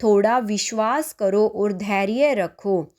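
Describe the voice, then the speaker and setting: A woman doing a calm, soothing husband. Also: medium pitch, slow pace, natural voice. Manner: soothing, reassuring. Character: calm patient middle-aged husband.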